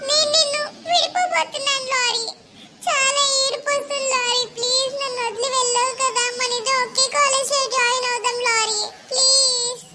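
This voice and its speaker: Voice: extremely high pitch, little pitch movement, normal speed, over loud music. A voice actor playing a lovesick schoolboy who whines and sobs as he pleads with his girlfriend. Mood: tearful pleading. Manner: whiny, pleading, sobbing. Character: lovesick schoolboy, tearful and clingy.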